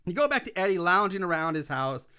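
Man, movie recap podcast, casual chatter, high voice, bright tone. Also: big pitch swings, quick pace, smooth. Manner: chatty, laughs often, swears casually, many fillers.

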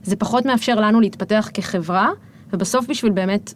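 A woman talks through her thoughts on a podcast, quick and reflective, leaning on casual fillers. Her voice sits in a middle pitch. A faint hiss of noise sits under the recording. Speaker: podcast guest.

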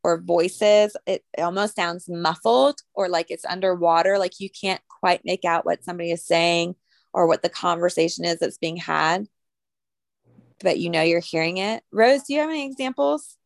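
A woman's voice: lowish voice, normal speed, creaky, no room sound. A young adult woman co-hosting a podcast, telling stories in a chatty way with fillers and laughs. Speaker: podcast co-host. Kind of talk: casual chat.

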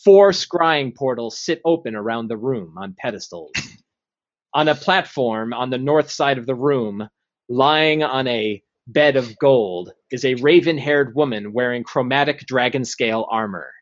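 A male game master narrates a tabletop fantasy game with dramatic phrasing. His voice sits at a medium pitch, and the recording is dull and lo-fi. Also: measured pace.

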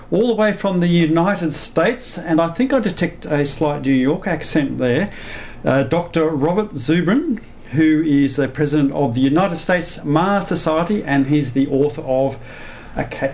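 A man's voice: a little high, measured pace, darkish tone. A man presenting a radio interview as host.

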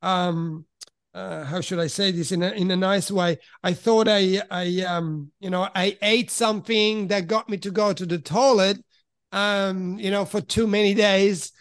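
A middle-aged Italian man raised in Switzerland, speaking as a podcast guest, frankly and reflectively recounts his past in candid conversation, pausing to search for words. His high voice is steady and smooth, and the sound is dry and close with no room echo.

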